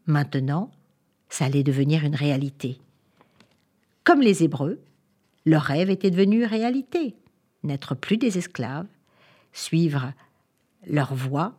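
A woman storyteller reading a tale aloud in a lively way, speaking directly to her listeners. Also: low voice, husky.

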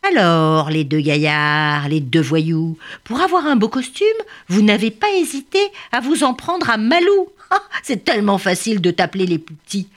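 A woman's voice: mid-range voice, lively intonation, moderate pace, lightly acted. Woman doing a stern old male elephant.

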